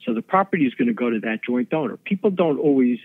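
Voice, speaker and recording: A man, an attorney guest on a podcast, explaining legal matters quickly with many fillers and restarts. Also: medium pitch, animated, husky, dry recording. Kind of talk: podcast interview explaining law. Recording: tinny phone-like line.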